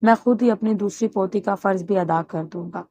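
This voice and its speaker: A woman's voice: mid-range voice, dark tone, close to an everyday voice. A woman voicing a stern, loving old grandfather who heads the family, with a commanding manner in a dull, muffled recording. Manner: commanding, scolding, then tender.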